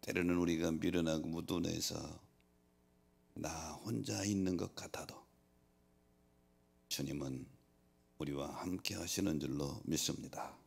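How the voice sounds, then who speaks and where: A man preaching a sermon as pastor, swinging from loud emphatic scripture quotes to quiet, soft asides. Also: extremely low pitch, steady tone, measured pace, creaky, long pauses, breathy edge.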